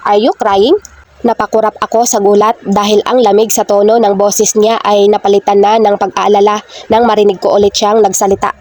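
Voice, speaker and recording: A woman narrating a first-person romance novel as a reader, reading in a flat, steady way. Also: mid-range voice, fairly quick. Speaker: audiobook reader. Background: faint background music.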